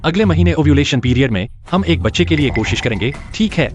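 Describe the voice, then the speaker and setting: A man voicing a gentle young husband in a dubbed drama, soft and coaxing. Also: on the high side, animated, fast, soft background music, close to an everyday voice. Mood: tender.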